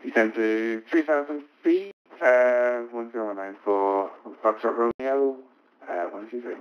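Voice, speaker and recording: A man making halting pilot radio calls to air traffic control, heard over a radio link. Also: mid-range voice, clear, resonant tone. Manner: hesitant, with many fillers. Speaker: pilot in a flight simulator. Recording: dull lo-fi radio sound.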